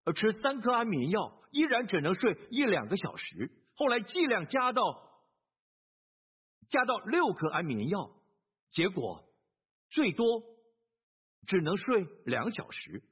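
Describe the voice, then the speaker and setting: A man's voice: high-pitched, sing-song, unhurried, pauses often, breathy edge. A man preaching a sermon, telling a story earnestly, with hesitant fillers and repeated phrases. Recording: dull lo-fi sermon recording.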